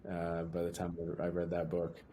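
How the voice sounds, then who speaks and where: A young man from Utah talks casually as an interview guest, with a low and mellow voice. He often goes back over his words and restarts phrases. A faint hiss of noise sits behind him. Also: monotone, normal speed.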